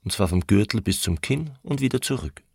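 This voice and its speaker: A man doing a quiet, menacing knife-carrying compère. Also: fairly low pitch, expressive, a little fast, creaky, slightly rough, dry recording, clean studio sound, heavily acted. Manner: quiet, soft-spoken threat.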